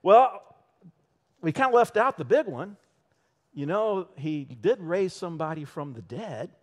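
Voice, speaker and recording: Man, church sermon, lively rising and falling voice, slow deliberate delivery, rhetorical questions. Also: sits high. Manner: animated, rhetorical questions, acts out short voices. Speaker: church elder preaching.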